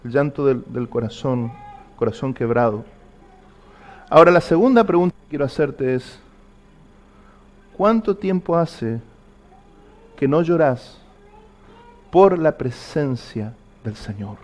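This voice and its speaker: A male preacher with an ordinary, mid-pitched voice delivers a sermon. He speaks earnestly, turning again and again to the listener with direct questions. He repeats his key phrases for weight. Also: lively intonation, slow, long pauses.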